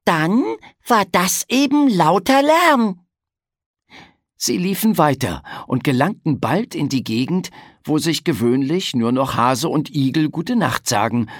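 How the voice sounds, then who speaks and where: A woman reading a children's story aloud slowly and calmly, with expressive rises and falls. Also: very deep voice, no room sound, clean studio sound. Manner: slow, calm and expressive.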